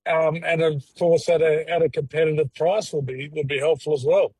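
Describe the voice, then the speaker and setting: A man talking over a patchy phone line from his car. He speaks haltingly, repeating words and using many fillers, as a guest on a radio interview. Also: a little high, fairly even intonation, a little mellow, breathy edge, no room sound. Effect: phone call from a moving car, dropping reception. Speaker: live cattle exporter, phone-in guest.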